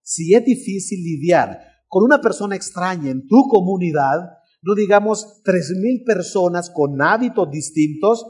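A man preaching a sermon as pastor, animated and telling a story with acted-out voices. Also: high-pitched, unhurried, breathy edge. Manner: animated, acts out voices in anecdotes, shouts at times.

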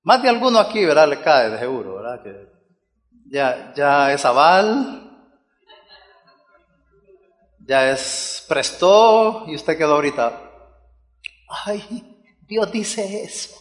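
A pastor preaches in a fairly high, light voice. He keeps the sermon conversational and often checks in with the congregation. His voice rings out in a long, reverberant hall. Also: big pitch swings, slow, long pauses. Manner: conversational preaching with frequent "¿verdad?" asides to the congregation.

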